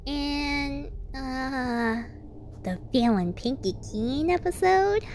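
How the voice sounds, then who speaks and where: A woman voicing a hyper, curious young female pony in a story, bubbly and excitable. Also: high voice, drawn-out words, a little hiss or hum, voice pushed up, exaggerated voice.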